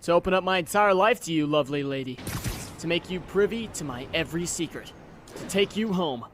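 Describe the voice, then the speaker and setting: A man's voice: fairly high pitch, animated, fairly quick, background noise, lightly acted. A man voicing an earnest, self-doubting and wry young superhero in a comic book dub, with theatrical delivery. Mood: tender.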